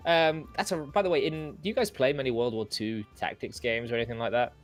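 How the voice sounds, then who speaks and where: A man's voice: medium pitch, fairly even intonation, fairly quick, faint music behind. An English man hosting a casual livestream chat, rambling and self-deprecating with many restarts. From England. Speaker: host.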